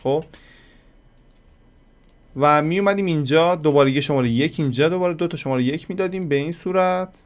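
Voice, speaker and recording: A man giving a casual screen-recorded software lesson, talking to viewers like friends and thinking aloud as he clicks through settings. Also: a little high, pauses often. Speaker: software tutorial instructor.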